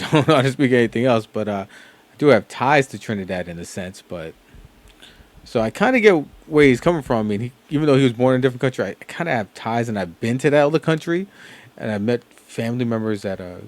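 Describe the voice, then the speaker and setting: Hosting a reaction video, an American man speaks fast and animatedly in a mid-range voice. His casual commentary is loose and slangy, packed with fillers and restarts.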